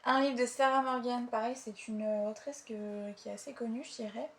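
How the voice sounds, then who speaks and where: A woman's voice: a little high, steady tone, moderate pace. A young woman chatting casually and eagerly about her books, with frequent hesitations. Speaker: book vlogger. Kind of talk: casual chat.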